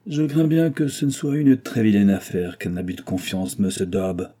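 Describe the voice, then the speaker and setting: A man's voice: on the low side, steady tone, normal speed, warm tone, natural voice. A man doing a stern, accusing merchant. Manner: severe, accusing. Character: stern indignant male merchant.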